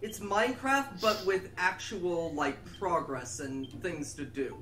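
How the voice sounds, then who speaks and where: Brief: casual co-commentator, slightly high, bright voice, stammers through explanations. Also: male voice, takes it slowly, faint music behind. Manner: explains game lore, stammering.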